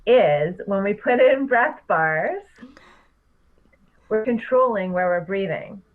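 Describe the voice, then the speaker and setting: Middle-aged female speaking coach, lively explainer, mid pitch, phone-quality audio. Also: takes it slowly. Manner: animated, explanatory, laughs often. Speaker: public speaking coach, guest. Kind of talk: podcast interview. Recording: tinny phone-like line.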